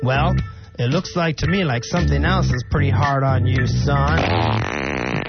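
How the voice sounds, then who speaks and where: A man playing a gruff, suggestive commanding officer in a parody scene. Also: mid-range voice, sing-song, a little slow, voice pushed down. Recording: dull sound, loud music behind.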